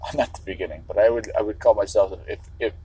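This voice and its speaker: A man's voice: fairly low pitch, fast talker, warm tone, husky, rough recording. A man from the Chicago area, talking in a rambling livestream monologue while driving. He swears freely and keeps restarting sentences. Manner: meandering, restarts, swears often.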